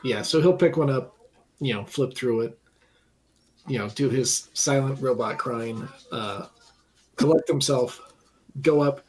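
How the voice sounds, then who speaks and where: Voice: medium pitch, unhurried, pauses often, a little mellow, slight background noise, poor audio. A player in a tabletop game, describing actions in a plain, matter-of-fact way. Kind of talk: casual tabletop play.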